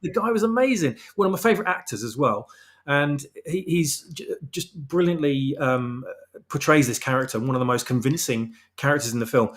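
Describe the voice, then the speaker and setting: Halting, modest man chatting. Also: medium pitch, animated, fairly bright tone. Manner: halting, self-deprecating, many restarts. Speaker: fan audio drama creator, guest. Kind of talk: casual chat.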